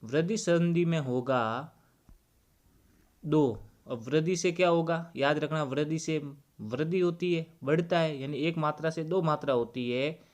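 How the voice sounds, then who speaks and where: A man teaching Hindi grammar to students. He explains slowly and deliberately and repeats the key points. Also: a little high.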